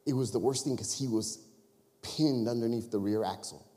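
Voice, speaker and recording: Male pastor, Chicago area, warm dark tone, conversational sermon, asides to the congregation, echoing sanctuary. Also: mid-range voice, moderate pace. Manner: conversational storytelling with confessions and crowd asides. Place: church sanctuary. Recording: long reverb of a church hall.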